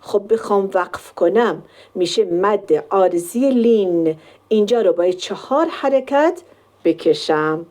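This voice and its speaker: A woman with a mellow, dark voice teaches a Quran recitation lesson. She explains each point step by step. She draws out the sample words slowly to show how long each sound is held. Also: medium pitch, animated.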